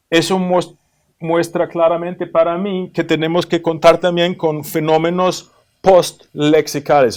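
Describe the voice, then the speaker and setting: A man presenting at an academic conference, explaining in a thoughtful, questioning way with frequent pauses and filler sounds. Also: fairly high pitch, darkish tone. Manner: analytical, questioning tone.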